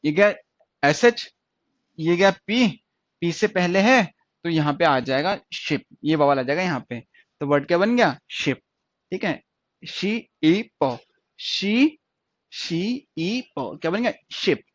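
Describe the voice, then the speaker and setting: A man teaching stenography in an online lesson, explaining step by step and repeating words and sounds slowly. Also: a little high, lively intonation, no echo. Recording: dry, dull lo-fi sound.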